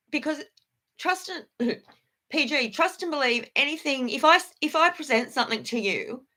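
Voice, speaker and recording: A blunt woman talks straight to her livestream chat, rambling from one point to the next and swearing without a second thought. Her voice sits a little high, with a bright, forceful edge that cuts through.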